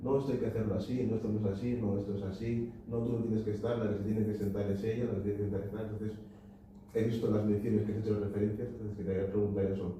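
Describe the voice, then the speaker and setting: At a book talk in a cultural society's lecture hall, a young man in the audience asks a long, hesitant question packed with fillers and tag questions. His voice is on the low side, warm and fast, with little pitch movement. The recording is echoey, distant and dull, with a little hiss or hum.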